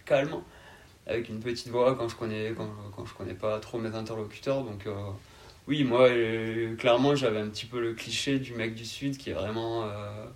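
A man in his twenties with a southern French accent, answering interview questions in a calm, laid-back and hesitant way. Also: medium pitch, moderate pace. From south of France. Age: 20s. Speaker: interview guest.

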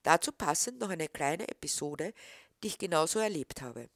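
A woman reading scripted narration in a calm, earnest, reflective way. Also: low voice, moderate pace, no room sound, clean studio sound.

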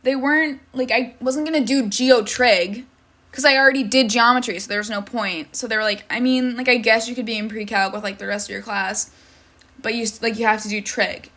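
A woman's voice: fairly high pitch, steady tone, a little fast, pushed and bright. A teenage girl venting about school in a casual vlog, exasperated, swearing and saying "like" constantly. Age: teens. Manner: exasperated, swears a lot, many likes. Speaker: high school student.

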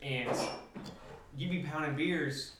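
A man's voice: on the high side, takes it slowly, a bit bright, echoey room, recorded from a distance, a little hiss or hum. A man talking candidly and casually on a podcast, swearing freely. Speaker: podcast co-host. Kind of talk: casual chat.

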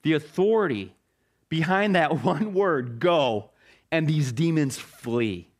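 A man's voice: on the high side, lively intonation, unhurried, darkish tone. A middle-aged male pastor preaching a sermon in a casual, conversational way, joking about himself and often repeating words as he restarts phrases. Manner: casual, conversational preaching with self-deprecating humor.

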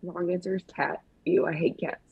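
Podcast guest, woman, husky, fairly low voice, playful and blunt. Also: big pitch swings, normal speed, phone-quality sound. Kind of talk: casual podcast chat.

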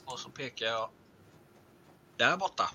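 A man playing a tabletop game, animated and now and then bursting into shouts. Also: medium pitch, husky. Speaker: player.

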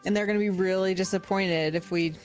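A woman plays a tabletop game in casual, improvised talk. The voice sits at a middle pitch, over faint music. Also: fairly even intonation, a little fast.

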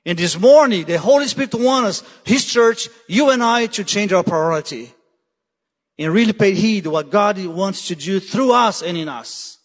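High-voiced guest preacher, hall reverb. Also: male voice, animated, normal speed. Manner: urgent, repeats "listen" to drive points home. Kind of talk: sermon. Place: church sanctuary. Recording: long church hall reverb.

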